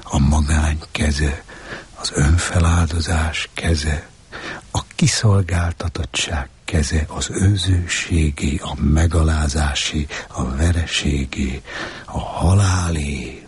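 A man narrating a literary text in a hushed voice that often drops to a whisper. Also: extremely low pitch, fairly even intonation, slightly rough. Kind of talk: literary reading.

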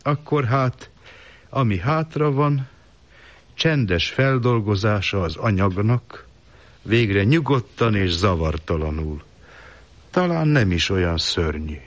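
A man reading a first-person literary story in a measured, calm, reflective way, on a dull lo-fi recording. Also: on the low side. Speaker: narrator.

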